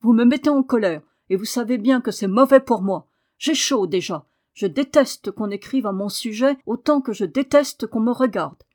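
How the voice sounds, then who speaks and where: A woman's voice: medium pitch, lively intonation, moderate pace, darkish tone, natural voice. A woman voicing a sickly, headstrong young boy in an audiobook, petulant and insistent. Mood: angry. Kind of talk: audiobook reading.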